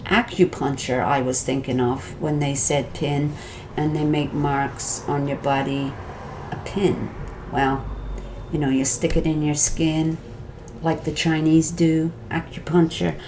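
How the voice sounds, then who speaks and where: In an unhurried, low voice with little pitch movement, a Wisconsin vlogger recaps her day in court. Her casual talk meanders, straying from the topic and then circling back. The background is noisy.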